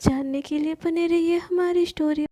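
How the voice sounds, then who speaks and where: A woman's voice: extremely high pitch, steady tone, normal speed, warm tone. A woman narrating a serialized love story in a chatty way, addressing her listeners as friends. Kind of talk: casual storytelling.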